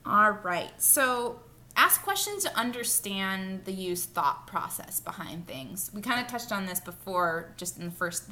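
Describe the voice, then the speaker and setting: A woman's voice: mid-range voice, pushed and bright. A woman co-leading a mentor training, talking through slides in a plain, friendly way. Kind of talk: casual training talk.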